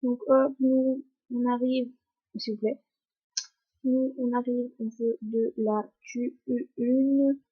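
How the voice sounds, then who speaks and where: A woman's voice: fairly high pitch, little pitch movement, slow pace, breathy edge, phone-quality sound. A young woman with a sore, coughing throat, chatting casually to viewers at home as she plays a game, often stammering and repeating words. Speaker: gaming video creator. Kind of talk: casual gameplay commentary.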